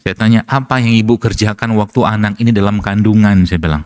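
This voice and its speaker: A man's voice: fairly low pitch, steady tone, quick pace, darkish tone. A middle-aged man, a preacher and doctor, gives a casual religious talk full of anecdotes, chuckling often and asking rhetorical questions. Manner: chatty storyteller, laughs often, asks rhetorical questions.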